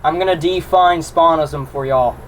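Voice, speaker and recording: A man's voice: a little high, normal speed, a bit bright, rough recording. A young man in casual voice-chat banter, talking in a brash, slangy, sweary way. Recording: faint background noise on mic.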